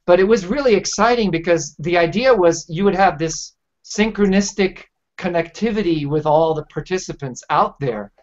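A man's voice: high voice, moderate pace, hardly any pauses. A man hosting a casual video-call conversation, telling stories in a rambling, enthusiastic way. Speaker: host. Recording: dull lo-fi video-call audio.

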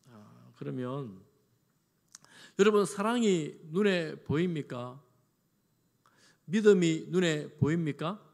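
Male pastor, sermon, chatty rhetorical questions, animated delivery, long church reverb. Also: on the high side, slow, vocal fry, long pauses. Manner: conversational preaching with rhetorical questions to the congregation. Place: church sanctuary.

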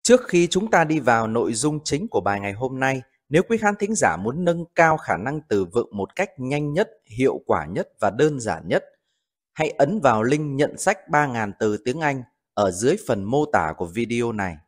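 A man teaching English vocabulary, repeating each example sentence slowly for learners. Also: medium pitch, sing-song. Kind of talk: vocabulary lesson narration.

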